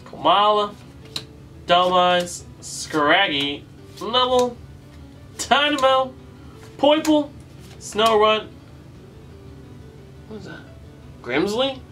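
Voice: mid-range voice, expressive, extremely slow, pauses often, pushed and bright, far from the mic, soft background music. A YouTube host opening card packs in casual commentary, listing card names one by one and groaning at weak pulls.

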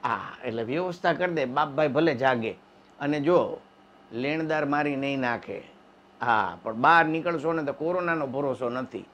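A man telling jokes in an animated stand-up comedy monologue. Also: normal speed, a little hiss or hum. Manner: animated storytelling, wife voices in high falsetto. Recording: dull lo-fi sound.

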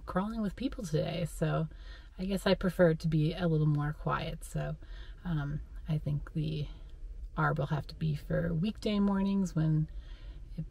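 A woman's voice: fairly low pitch, creaky, mellow, breathy edge, no echo. A middle-aged woman with an American accent chats casually as a running vlogger, speaking into a camera held at arm's length. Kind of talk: casual vlog chat. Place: on location at trails outdoors or in a parked car. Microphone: handheld camera at arm's length.

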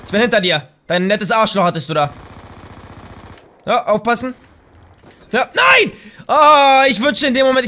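Excitable young German gamer, high and bright. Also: male voice. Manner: excitable, trash-talking, bursts into shouts. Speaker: gaming YouTuber. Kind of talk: live gameplay commentary.

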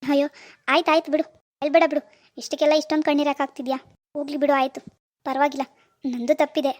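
A stern young cartoon husband , as a woman puts him on, pushed lower than the rest of her cast. His delivery is firm and level, scolding and then calming. He speaks briskly. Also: natural voice. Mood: soothing.

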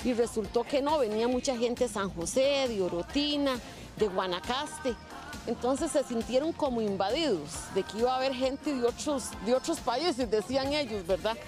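A woman's voice: on the high side, lively intonation, normal speed. Costa Rican woman chatting outdoors. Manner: explanatory, conversational with restarts. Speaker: neighborhood resident interviewee. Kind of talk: casual interview. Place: outdoors in a park. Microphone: handheld reporter mic. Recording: music bed behind.

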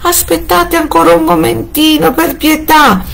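A woman's voice: medium pitch, moderate pace, soft background music, voice pushed up, close to an everyday voice. A woman voicing a young, terrified wife who pleads and calls out anxiously. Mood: pleading. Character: young terrified wife begging for her life.

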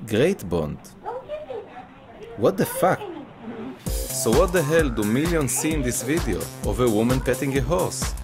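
Deadpan Israeli male host and narrator, young, lively pitch, loud music under him. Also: measured pace, long pauses. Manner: deadpan, self-mocking. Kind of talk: wry first-person documentary narration.

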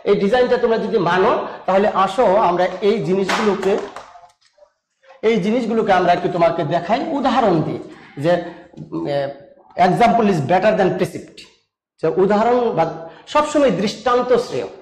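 A man's voice: high-pitched, expressive, fairly quick, echoey room. A man teaching a grammar lesson, explaining patiently step by step and asking rhetorical questions. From Bangladesh.

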